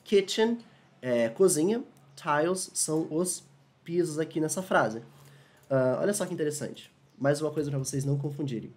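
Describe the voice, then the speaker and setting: Brazilian male English tutor, brightish pitch, chatty and encouraging. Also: expressive. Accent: Brazilian Portuguese. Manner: upbeat, asks viewers for agreement, slows down for English examples. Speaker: English teacher. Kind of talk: casual video lesson.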